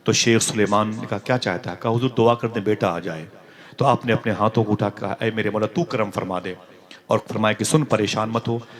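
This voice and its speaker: A man giving a religious sermon, telling a story with acted-out dialogue and sudden loud, emotional outbursts. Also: medium pitch. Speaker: preacher.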